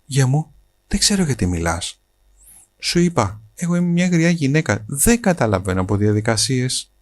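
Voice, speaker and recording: A man voicing a shrewd, patient mother in her seventies in a storybook reading, calm and knowing. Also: medium pitch, no room sound, pitched above the performer's own voice, natural voice. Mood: pleading.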